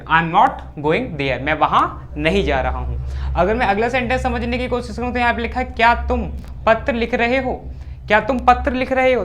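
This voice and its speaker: A woman teaching an English grammar lesson, explaining step by step and slowing down to dictate example sentences. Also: a little high, a bit bright.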